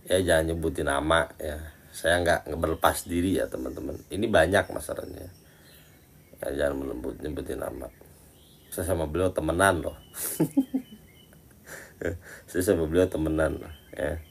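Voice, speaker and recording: A man with a low, gravelly voice gives a relaxed religious lesson. He talks to his listeners like friends, teasing as he goes. He jumps from loud, emphatic lines down to quiet, muttered asides. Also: moderate pace, pauses often. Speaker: Islamic religious teacher. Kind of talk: casual Islamic study talk.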